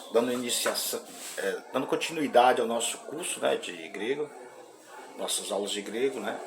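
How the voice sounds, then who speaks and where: A man with a Brazilian Portuguese accent teaching a Greek grammar class in an informal way, often ending phrases with a questioning "né?" and pausing on fillers. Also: mid-range voice, background noise. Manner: frequent "né?" tag questions and hesitant fillers.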